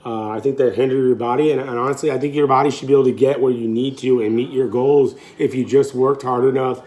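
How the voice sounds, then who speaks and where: Raspy, hoarse man in his thirties. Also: mid-range voice, steady tone, fast talker, darkish tone. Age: 30s. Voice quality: raspy, throaty. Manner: informal, rambling, unscripted. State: hoarse, getting over being sick. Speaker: fitness vlogger and coach. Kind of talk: casual chat to camera.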